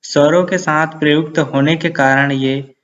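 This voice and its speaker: A man's voice: on the high side, steady tone, unhurried, a bit bright, muffled recording. A man teaching a grammar lesson, repeating each definition and often calling his viewers friends.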